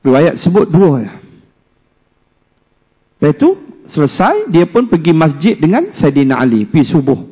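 A male religious teacher, giving an animated, joking storytelling lecture in a mosque. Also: on the high side, moderate pace, pauses often, husky. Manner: animated storyteller, jokes, acts out quoted speech. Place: mosque hall. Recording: reverberant mosque hall.

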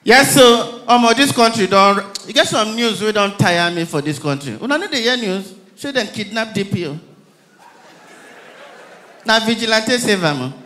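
Nigerian guy doing standup, high voice, super bright, acts out all the characters. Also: normal speed. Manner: lively storytelling, acting out characters. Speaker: stand-up comedian. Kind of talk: stand-up comedy routine.

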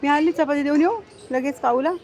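A woman's voice: high voice, fairly even intonation, a little fast, darkish tone. A woman vlogging at home, talking to her dog and birds in coaxing baby talk. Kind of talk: casual home vlog chatter.

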